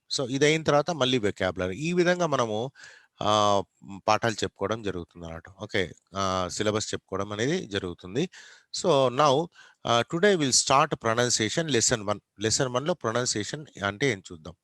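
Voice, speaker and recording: Male English lecturer, Telugu accent, online class, mid pitch, dry close sound, spells words aloud and quizzes students. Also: a bit bright, no room sound. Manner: questioning, repeats words, spells them out letter by letter.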